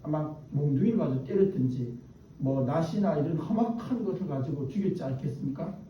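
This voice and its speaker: Male pastor, storytelling sermon, higher voice, church hall reverb, muffled distant mic. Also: lively intonation, fairly quick, a little hiss or hum. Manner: storytelling, asks the congregation questions. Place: church sanctuary.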